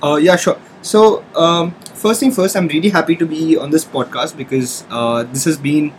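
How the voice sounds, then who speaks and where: A man's voice: fairly high pitch, normal speed, a little hiss or hum, poor audio. A man speaking as a podcast guest, earnestly explaining ideas and restarting phrases as he searches for words. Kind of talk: casual explanatory discussion.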